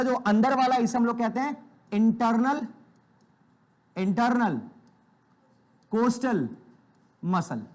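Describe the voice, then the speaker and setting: A young man giving a biology lecture, asking the class questions and answering them himself, often calling students "beta". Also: high voice. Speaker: biology teacher.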